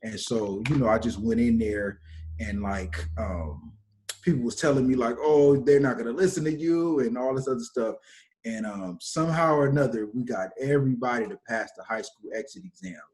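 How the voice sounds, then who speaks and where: A man's voice: mid-range voice, normal speed. Male teacher, mid voice, loose conversational storytelling over video call. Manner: relaxed, many fillers like "like" and "you know". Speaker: teacher, panelist.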